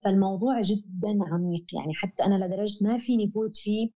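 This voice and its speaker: A woman with a Levantine accent talks quickly as a guest in a reflective interview. Her tone is soft-edged and mellow, and she is earnest and emphatic, circling back to key phrases. The recording is slightly dull and lo-fi. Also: medium pitch. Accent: Levantine Arabic. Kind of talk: reflective explanatory conversation.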